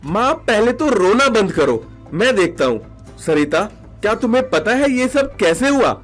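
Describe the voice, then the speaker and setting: A man voicing an earnest young husband and son in an animated story, gently reassuring. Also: high-pitched, a little slow, heavily acted. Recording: background music under the voice.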